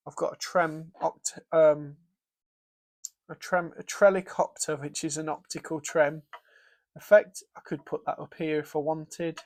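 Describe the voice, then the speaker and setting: A British man casually walking through his guitar pedalboard setup, thinking aloud with fillers and restarts. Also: a little high. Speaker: guitar gear presenter. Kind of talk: casual gear demo.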